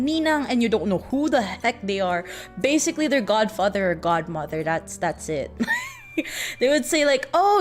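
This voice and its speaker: A young woman with a Filipino accent, casually teaching a language lesson on a livestream, giggling and rambling with lots of fillers. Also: a little high. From Philippines.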